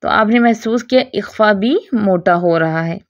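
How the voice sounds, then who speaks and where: A woman teaching Quran recitation in a recorded audio lesson, explaining patiently and reciting examples slowly. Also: mid-range voice, no echo, lo-fi sound.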